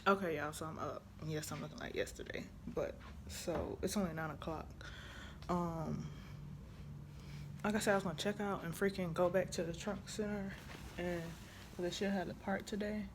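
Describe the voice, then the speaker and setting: Low-pitched woman vlogging, noisy background. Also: steady tone, normal speed. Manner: informal, rambling. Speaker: truck driver. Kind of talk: casual vlog chat. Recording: clearly noisy handheld vlog audio.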